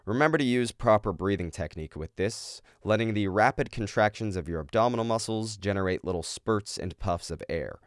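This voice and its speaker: A man's voice: on the low side, fairly quick, few pauses, no echo, clean studio sound. A man giving instructional explanations as a vocal coach. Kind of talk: instructional explanation of screaming technique.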